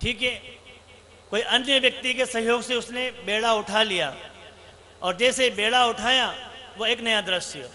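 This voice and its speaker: Man, monk, sermon, storytelling, rhetorical questions, very high pitch. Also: unhurried, long pauses, bright, forceful tone. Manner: rhetorical questions, emphatic repetition. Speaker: monk preacher.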